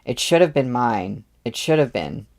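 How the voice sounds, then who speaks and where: A man's voice: mid-range voice, very animated, normal speed, a little mellow. A man voicing a broken, tearful young man. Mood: tearful, halting. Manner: short, stiff, faltering sentences. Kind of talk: audiobook readalong.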